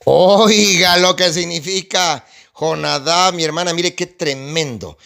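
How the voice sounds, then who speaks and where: A man's voice: a little high, takes it slowly, vocal fry, dry recording, clean studio sound. A male pastor, preaching an emphatic, conversational teaching that addresses listeners as sister and brother. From Guatemala. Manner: conversational and animated, asks the audience for help. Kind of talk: sermon teaching.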